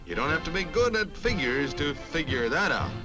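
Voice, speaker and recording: A man's voice: a little high, sing-song, normal speed. A man giving dramatic, declamatory 1950s newsreel narration with wry quips, heard as old newsreel sound from a film soundtrack. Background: music.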